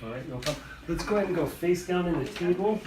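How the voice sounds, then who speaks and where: A man's voice: high-pitched, lively intonation, fast talker, background noise. A man working as a chiropractor, casually talking a patient through a hands-on adjustment with short, reassuring instructions. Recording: echoey room, distant mic, music behind.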